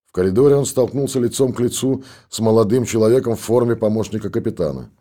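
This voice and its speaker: A man narrating an audiobook in a steady, even reading. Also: fairly low pitch, fast.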